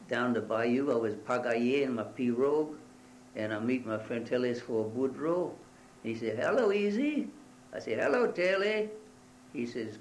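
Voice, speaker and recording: A homespun Cajun yarn-spinner, as a man puts him on, talking in broken dialect English sprinkled with French phrases. His voice sits at an ordinary male pitch, with a faint hiss in the background. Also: lightly acted, rough recording. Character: folksy Cajun man spinning a bayou tale.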